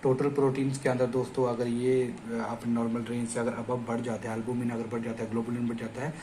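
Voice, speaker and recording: A man gives an informal medical lesson, walking through each lab value step by step and calling his listeners friends. His voice sits at an ordinary pitch. The recording has a noticeable room echo, with faint ambient noise behind it. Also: level tone, fast talker, warm tone. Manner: explains step by step, often says "friends". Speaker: medical educator. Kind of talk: informal lecture.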